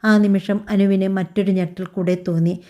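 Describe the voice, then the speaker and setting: A woman narrating a scripted family drama story in a calm, even storytelling voice. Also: medium pitch, fairly quick, lo-fi sound. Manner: calm, even storytelling voice that also reads all the characters' lines.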